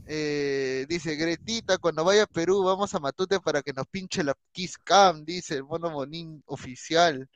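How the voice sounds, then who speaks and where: Joking high-voiced Peruvian man. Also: dry recording. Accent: Peruvian Spanish. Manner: joking, reads viewer comments aloud with quick asides. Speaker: co-host reading live chat. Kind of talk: casual live-stream chat.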